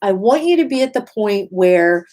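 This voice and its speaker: A woman speaking earnestly through a face mask, giving emphatic, measured advice straight to her listeners in an instructional talk. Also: mid-range voice, animated, darkish tone. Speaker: host giving mental health advice.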